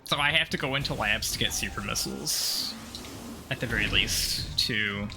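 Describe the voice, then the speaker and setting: A streamer playing through a video game gives casual live commentary, rambling and thinking out loud in a blunt, informal manner. His voice is lowish, creaky, and at normal speed, with music playing in the background.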